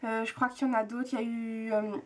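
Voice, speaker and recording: A woman's voice: a little high, little pitch movement, fast talker. A young woman from France chatting casually to her viewers, hesitant with many fillers and repeated words. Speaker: book and TV vlogger. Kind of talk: casual chat to camera.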